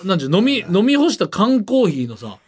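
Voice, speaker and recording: A man with a Kansai accent chats casually as a radio show co-host, talking fast in a high-sitting voice. He's an animated storyteller who acts out the voices of the people in his tales.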